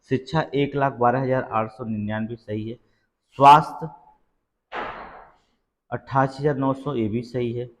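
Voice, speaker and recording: This muffled recording captures a man with a mid-range voice running an exam-prep lesson. He goes through quiz questions aloud, repeating answers and asking "theek hai" over and over.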